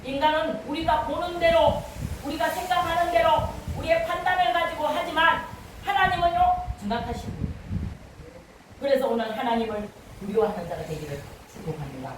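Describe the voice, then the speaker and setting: A woman's voice: high voice, fairly quick. A woman pastor preaching a sermon with fervent, rising exhortations. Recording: echoey hall from far off, light noise.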